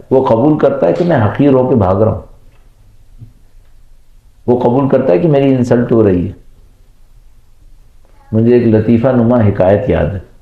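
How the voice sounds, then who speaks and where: A man, a cleric, delivers a night sermon and acts out the people in his anecdotes. He speaks at an ordinary middle pitch. The recording is slightly muffled and echoes around a hall. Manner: tells parables with acted voices of children and managers. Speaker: Shia cleric. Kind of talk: sermon with storytelling. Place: religious gathering at night.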